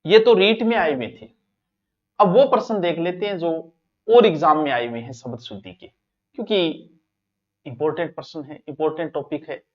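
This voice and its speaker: A male teacher with a Rajasthani accent giving an exam-prep grammar lesson, talking straight to his students and swinging between loud and soft. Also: fairly high pitch, moderate pace. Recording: dull lo-fi online class audio.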